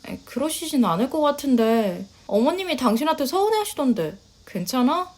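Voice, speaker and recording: A polite young wife played by a woman in a narrated story, speaking quietly in a high voice. She sounds hesitant and careful, softening every reply. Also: big pitch swings, brisk. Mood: gentle. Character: young Korean wife, polite and soft-spoken. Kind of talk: storytelling voice acting.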